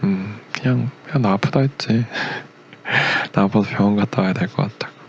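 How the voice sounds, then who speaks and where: A young man acting as a gentle, doting boyfriend in a romantic ASMR role-play, a tender leading man with a soothing, murmured, partly whispered delivery. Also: lowish voice, normal speed, muffled recording, a little hiss or hum, lightly acted. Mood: tender, reassuring. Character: doting, gentle young boyfriend caring for his sick girlfriend.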